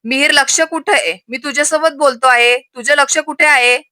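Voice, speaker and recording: A woman's voice: high voice, steady tone, normal speed, sharp tone, no room sound. A woman voicing a worried, jealous young husband and office boss, muttering anxiously to himself. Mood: irritated.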